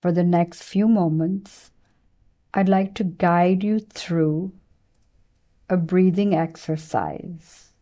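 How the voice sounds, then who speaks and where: A woman guides a meditation in a soft, very mellow voice pitched slightly low, her tone staying steady. She talks very slowly and gently, pausing between phrases as she offers soothing instructions. She is a meditation and yoga teacher.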